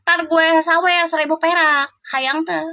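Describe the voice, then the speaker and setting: High, bright-voiced teasing woman. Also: steady tone, a little slow. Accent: Sundanese-flavored Jakarta Indonesian. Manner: teasing, laughing, playful banter. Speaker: live-stream tarot host. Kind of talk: casual live-stream chat with viewers.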